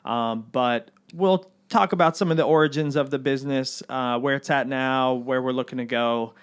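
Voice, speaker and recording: Man, podcast host, casual chat, smooth clear voice, dry close sound. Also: medium pitch, moderate pace, no room sound. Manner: relaxed, chatty, many ums.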